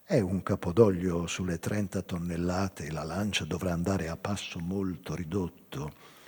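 An older man with a husky, dark, low-pitched voice narrates a literary text dramatically over live music. His steady delivery is slow, measured, and theatrical, with phrases that swell and then hush. The recording carries a long hall reverb, and the music stays faint.

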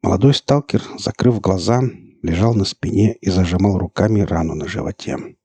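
Low dark husky male narrator. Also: normal speed, dry recording. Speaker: audiobook narrator. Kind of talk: scripted narration.

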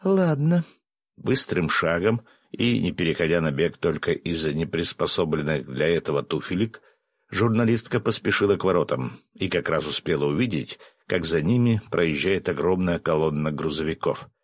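A man narrating an audiobook in an expressive, animated reading. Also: a bass voice, moderate pace, husky, dry recording.

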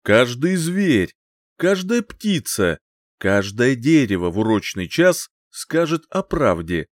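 Guy doing old wizard singer, slow, calm, kinda scornful, lively up and down, dry close sound. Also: mid-range voice, no echo. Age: older. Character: wise old male singer-sorcerer, calm, mocking.

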